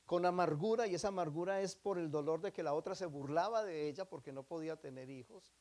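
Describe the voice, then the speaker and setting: A man preaching a sermon, often asking the congregation questions, shifting between emphatic loud phrases and quiet asides. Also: fairly high pitch, fast. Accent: Latin American Spanish. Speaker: pastor.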